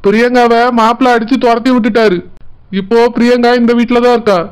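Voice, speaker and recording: A man's voice: very high-pitched, level tone, quick pace, smooth. A man voicing a worried, soothing middle-aged husband in a cartoon, speaking with a Tirunelveli Tamil accent. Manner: soothing, anxious.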